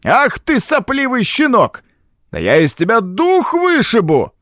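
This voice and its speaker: A man voicing a belligerent, hot-tempered old man who shouts insults. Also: very high voice, wildly swooping pitch, unhurried, no room sound, studio quality, pitched above the performer's own voice, exaggerated voice. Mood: enraged.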